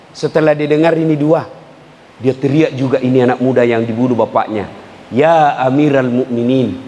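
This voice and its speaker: A middle-aged man giving a humorous sermon to a live audience, joking and teasing and breaking into sudden shouts. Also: medium pitch, slight background noise. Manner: lively, joking, jumps to sudden shouts, teases listeners. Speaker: preacher. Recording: echoey hall with faint crowd ambience.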